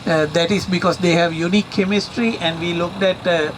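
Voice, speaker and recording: A middle-aged man from Sri Lanka, a university researcher giving a talk to a community audience, speaking haltingly with many fillers and repeated words. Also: high-pitched, steady tone, noisy background.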